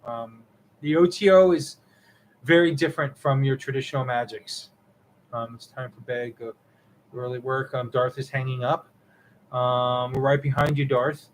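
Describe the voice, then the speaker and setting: A man's voice: mid-range voice, steady tone, moderate pace, a little hiss or hum, low-quality recording. A young man co-hosting a casual live stream, reading viewer comments aloud and rambling through his answers with many ums. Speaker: co-host of a witchcraft live stream.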